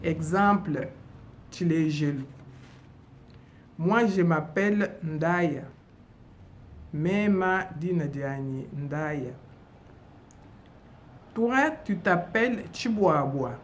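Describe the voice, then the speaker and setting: A woman from DR Congo teaching a bilingual vocabulary lesson, saying each phrase slowly and deliberately and repeating it. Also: sits low, lively intonation, slight background noise. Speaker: language teacher.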